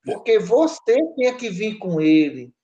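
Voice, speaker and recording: A woman's voice: medium pitch, lively intonation, unhurried, warm tone. A woman, a spiritual counselor giving an emphatic, scolding talk on a spiritist study podcast, full of tag questions. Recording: roomy, dull lo-fi sound.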